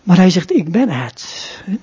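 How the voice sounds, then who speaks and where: Husky earnest preacher, muffled sound. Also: male voice, high voice, very animated, moderate pace. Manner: earnest, often adds a soft tag question. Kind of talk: sermon and closing prayer.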